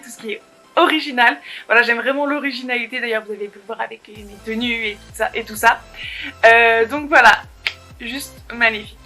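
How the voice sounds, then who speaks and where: Vlogger woman, fairly high bright voice, excited chatty delivery, faint music behind. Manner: enthusiastic, many fillers and restarts. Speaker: fashion vlogger. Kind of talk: casual product showcase.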